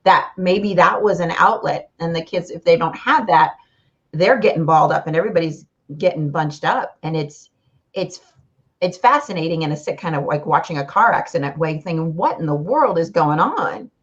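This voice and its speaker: Woman host, lowish voice, lively chatter, muffled lo-fi sound. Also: normal speed. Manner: animated, chatty storyteller. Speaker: podcast host. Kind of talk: casual chat. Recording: dull lo-fi audio.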